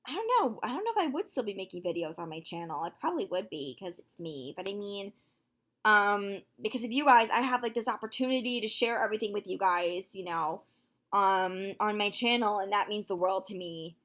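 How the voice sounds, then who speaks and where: A nineteen-year-old woman talking casually to her viewers in a vlog, chatty and full of fillers, quick to exclaim. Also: mid-range voice. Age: young adult, nineteen. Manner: excitable, quick to gasp and exclaim. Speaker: vlogger.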